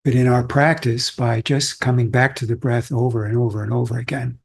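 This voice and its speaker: A man from Austria giving a calm, reflective dharma talk as a Zen teacher, unhurried and pausing often. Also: medium pitch, vocal fry, breathy edge.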